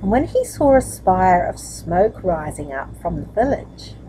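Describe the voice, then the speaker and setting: This storyteller is an older woman, about a grandmother's age, whose fairly low, warm voice is very animated but never hurried. She first talks chattily and tenderly to young children, asking tag questions, and then reads books aloud. The audio is poor, with slight background noise.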